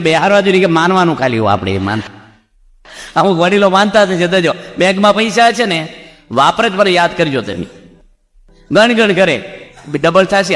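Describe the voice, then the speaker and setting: Joking monk preaching. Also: male voice, high voice, fairly bright tone. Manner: jokey, keeps asking the audience questions. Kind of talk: humorous sermon. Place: assembly hall before a seated audience. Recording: reverberant hall with faint music.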